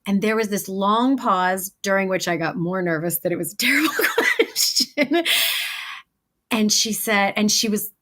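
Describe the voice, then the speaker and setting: A woman in the guest seat of an interview shares her experience as a business coach. She speaks reflectively and earnestly, and her pitch sits in a middle range. She sounds like she is telling a story in a relaxed conversation. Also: normal speed, few pauses.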